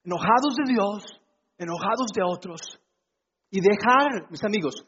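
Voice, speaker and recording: A man's voice: sits high, lively intonation, moderate pace, a bit bright, muffled recording, a little hiss or hum. A male pastor preaching a sermon to his congregation, talking in a conversational way, asking them questions and teasing them with humor. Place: church before a congregation.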